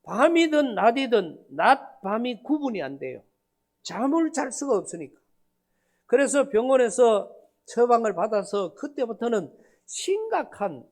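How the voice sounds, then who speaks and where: A man preaching a revival sermon in a North Gyeongsang Korean accent, his pitch leaping up and down with lively energy. He tells his story dramatically, swinging between hushed asides and loud outbursts, and acts out the quoted dialogue. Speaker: pastor.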